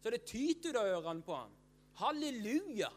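Male preacher, high-pitched, fervent and emphatic, poses his own questions and answers them in a loose, chatty sermon. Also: sing-song. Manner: fervent, emphatic, repeats phrases, frequent hallelujahs; casual spoken fillers, asks and answers own questions.

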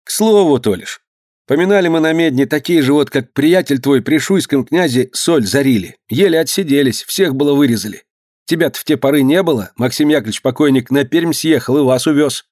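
A man's voice: fairly high pitch, a little fast, a little mellow, no echo, studio quality, pitched above the performer's own voice, lightly acted. A man reading aloud, voicing a worried, cautious townsman who tries to keep the peace, earnest and pleading.

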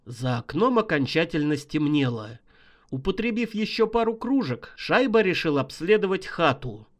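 A man reading a horror story aloud as an audiobook narrator, expressive and vivid. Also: fairly high pitch, moderate pace.

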